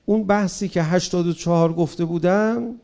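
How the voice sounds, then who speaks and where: Man, public speech, impassioned, rhetorical questions to the audience, loud bursts and low asides, gravelly voice. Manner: rhetorical, addresses listeners with direct questions. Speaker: public speaker.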